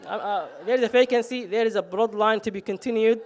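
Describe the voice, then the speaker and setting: A man tells his own story on stage in a fairly high voice. He jokes at himself and often stops on "uh". The talk stays loose and unscripted. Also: quick pace, crowd noise, noisy background. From Somalia. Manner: humorous, self-mocking, frequent "uh" fillers. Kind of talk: live personal storytelling on stage.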